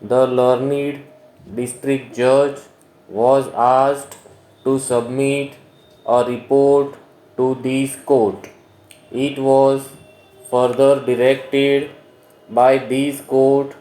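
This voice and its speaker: Slow, echoey man dictating. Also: mid-range voice, warm tone. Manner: dictating in short separated phrases with pauses. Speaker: shorthand dictation instructor. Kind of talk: dictating a legal passage for shorthand practice. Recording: roomy, echoing voice recording.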